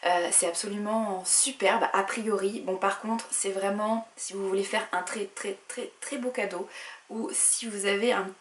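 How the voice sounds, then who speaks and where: A woman's voice: mid-range voice, steady tone, unhurried, a little hiss or hum. A woman book vlogger casually reviewing a subscription box, chatting freely with frequent fillers. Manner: chatty, many "euh" and "voilà". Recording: echoey room.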